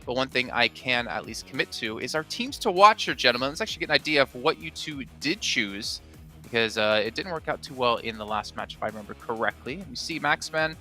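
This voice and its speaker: A man's voice: mid-range voice, animated, fairly quick, pushed and bright, soft background music. A man hosting an esports analyst desk, quizzing and teasing his panel. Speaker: desk host.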